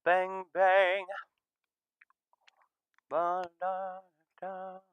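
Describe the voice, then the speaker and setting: A man with a high, completely flat, smooth voice speaks very slowly, recorded without echo but with dull audio. He hosts a casual livestream for a visual novel reading, chatting loosely and playfully while waiting to start, sometimes murmuring in singsong to himself.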